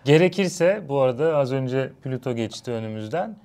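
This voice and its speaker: A man's voice: mid-range voice, animated, brisk, darkish tone. A young man co-hosting a casual live stream, wry and teasing, correcting his partner's word choices. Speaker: co-host.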